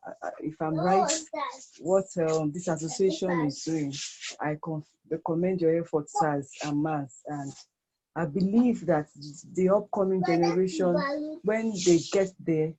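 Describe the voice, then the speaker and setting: A woman's voice: sits low, background noise. A woman speaking over an online group voice call as a guest participant, earnest and given to repeating and restating her phrases in spontaneous remarks. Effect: heard over an online group voice call. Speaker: guest participant giving feedback.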